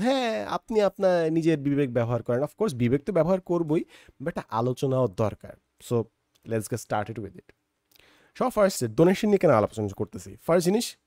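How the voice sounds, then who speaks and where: A man from Bangladesh hosts a reflective, conversational monologue in Bengali mixed with English words, speaking directly to the listener. His voice is mid-range and dark, captured in a dry, clean studio recording.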